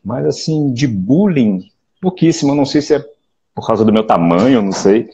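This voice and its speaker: A Brazilian actor in his late forties from Rio de Janeiro with a Carioca accent, talking in a relaxed, reflective way over a video call, often restarting and adding "né?". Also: medium pitch, a little fast, breathy edge, muffled recording. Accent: Carioca Portuguese. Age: late 40s. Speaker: actor, interview guest. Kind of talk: casual interview chat.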